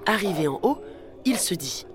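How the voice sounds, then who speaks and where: A woman narrating a children's story in a gentle, measured way. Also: medium pitch, sing-song. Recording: music playing underneath.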